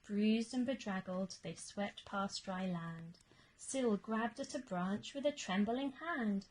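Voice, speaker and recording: A woman reads a rhyming children's story at an unhurried pace. Her delivery is expressive and measured, leaning on dramatic emphasis, with faint noise behind her. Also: mid-range voice, rough recording. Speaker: teacher reading a picture book aloud.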